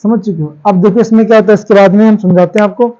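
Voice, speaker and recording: A man teaches a grammar class in a high, mellow voice. He fires questions at the class and answers them himself, repeating each key word. The recording sounds dull and lo-fi. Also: steady tone, rapid-fire. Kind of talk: classroom lecture on English grammar.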